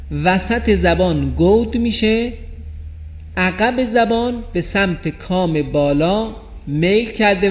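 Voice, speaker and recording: Man teaching letter pronunciation, reverberant lo-fi. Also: high-pitched. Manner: slow drawn-out chanted recitation of example words; clear explanatory teaching tone, addressing viewers. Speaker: Quran recitation teacher. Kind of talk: tajweed pronunciation lesson. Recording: dull lo-fi recording with long reverb.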